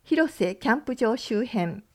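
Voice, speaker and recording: A woman radio announcer reading community event notices, working through lists of places and numbers in a measured way. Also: fairly high pitch, lively intonation.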